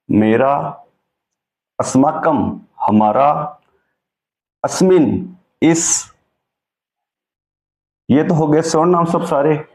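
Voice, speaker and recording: A man's voice: on the high side, a little mellow, poor audio. A man teaching a Sanskrit lesson, explaining patiently and often checking with his viewers. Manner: patient, repeats and checks with "ठीक है?". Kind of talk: slow explanatory classroom lesson.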